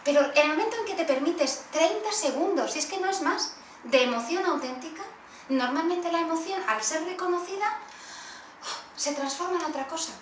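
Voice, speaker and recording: A woman with a Spanish accent from Spain leading an interactive workshop, animated and acting out examples. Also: extremely high pitch, moderate pace. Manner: animated, acts out children's voices in role-play. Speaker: workshop facilitator. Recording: roomy far-off room recording with faint noise.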